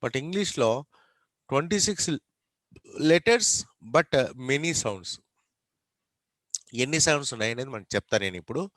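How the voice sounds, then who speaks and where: A man's voice: medium pitch, animated, a little slow, long pauses, a bit bright, dry recording. A man with a Telugu accent lecturing an online class, mixing Telugu and English, questioning students and spelling words out letter by letter.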